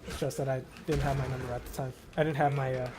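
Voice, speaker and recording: A young American video host talks fast in a flat, medium-pitched voice, with background noise behind him. He's casually telling a friend stories, rambling, using slang and repeating himself a lot.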